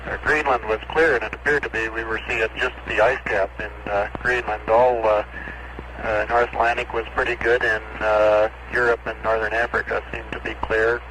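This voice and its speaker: A man's voice: fairly low pitch, little pitch movement, normal speed. A man speaking as an astronaut over a crackly space-to-ground radio link, in clipped radio procedure, reading numbers back. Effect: crackly space-to-ground radio transmission, archive recording.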